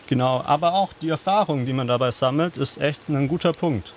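Young male guest, easygoing explainer, a touch high, faint hiss behind. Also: a little fast. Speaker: guest volunteer. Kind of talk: casual radio chat.

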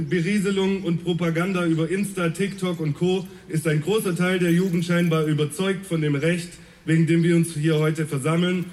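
Male rally speaker, slightly high voice, earnest and polemical, reads a prepared speech outdoors. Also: darkish tone.

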